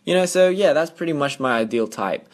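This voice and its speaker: A young Australian man hosts a radio show, chatty and upbeat, breaking into playful vocal sound effects. His voice sits a little high for a man. He talks close to a studio microphone. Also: lively intonation, fairly quick. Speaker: radio host. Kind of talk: casual radio hosting.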